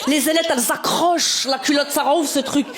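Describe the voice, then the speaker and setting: A woman stand-up comedian, talking directly to the audience on stage in a lively, energetic way. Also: sits high, brisk. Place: on stage before a live audience. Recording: live stage with loud crowd noise.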